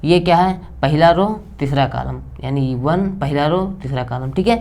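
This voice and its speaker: A man's voice: fairly high pitch, normal speed, darkish tone. A young man teaching a math lesson at a board in a chatty, repetitive way, often checking in with his students and cracking jokes. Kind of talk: casual blackboard math lecture.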